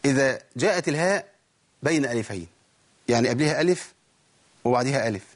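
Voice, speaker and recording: In this recorded Quran recitation lesson, the teacher, a man with an Egyptian Arabic accent, has a mid-range voice and animated intonation. He demonstrates by drawing example words out slowly and puts rhetorical questions to his students.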